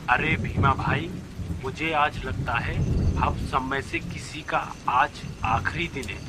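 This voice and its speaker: A man playing a calm, scolding villager. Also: medium pitch, slow, heavy background noise, close to an everyday voice. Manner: brushes off fears, scolds his friend.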